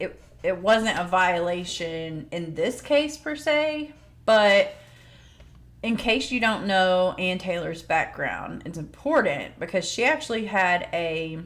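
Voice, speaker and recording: A woman giving informal, plain-spoken commentary as she explains court news like a true crime host. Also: lowish voice.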